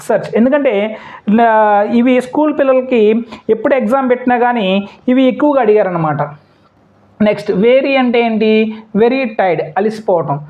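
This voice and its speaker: A woman's voice: fairly high pitch, moderate pace, long pauses. A woman teacher runs an exam-prep lesson, repeating questions and answers and mixing English words into her explanations. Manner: repetitive question-and-answer drilling. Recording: dull lo-fi audio.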